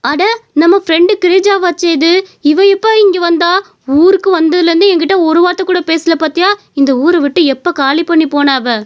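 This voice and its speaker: A woman's voice: very high voice, fairly even intonation, moderate pace. A woman voicing a stubborn young college-age daughter in a cartoon story, talking back sharply. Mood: surprised. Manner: sharp, defiant, dismissive. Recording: dull lo-fi recording.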